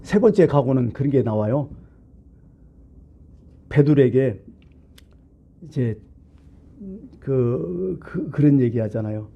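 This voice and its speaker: A man preaching a Sunday sermon as pastor, talking conversationally and asking the congregation questions, jumping between loud emphasis and hushed asides. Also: medium pitch, expressive, slow pace, gravelly, long pauses, lo-fi sound.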